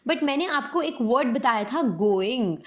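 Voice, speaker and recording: A young woman with an Indian accent giving an English lesson in Hindi, explaining slowly and demonstrating phrases. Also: sits high, animated. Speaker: English teacher.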